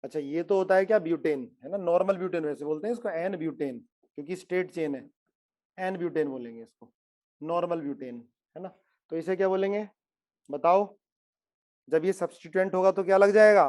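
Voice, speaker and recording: Lecturing briskly on chemistry, this teacher has a slightly high but darkish voice. He won't let a question drop, asking it again and again until his students reply.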